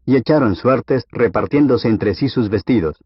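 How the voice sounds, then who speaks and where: A man reading scripture aloud for an audiobook in a steady, measured way. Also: medium pitch, slightly rough, no room sound. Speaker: Bible reader. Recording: dull, lo-fi dry recording.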